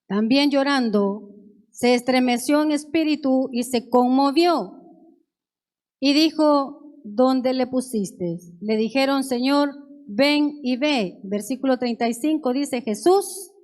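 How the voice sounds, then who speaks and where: A woman preacher reads scripture aloud in a church, verse after verse, pausing to explain each one earnestly. Her voice sits high and she takes her time, letting each phrase land slowly. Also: darkish tone. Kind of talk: sermon with Bible reading.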